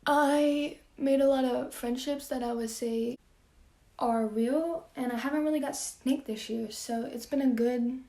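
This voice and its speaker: A teenage woman vlogging in a frank, chatty way. She laughs often and trails off into soft asides. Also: sits high, fairly even intonation, unhurried. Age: teens. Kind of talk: casual vlog monologue. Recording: echoey room.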